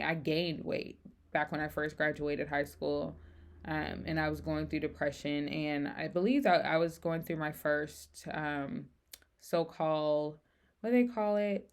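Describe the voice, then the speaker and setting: A young woman vlogger talking casually and candidly without a script, rambling and halting, her speech slightly impeded by braces. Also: sits low. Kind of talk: unscripted casual personal talk.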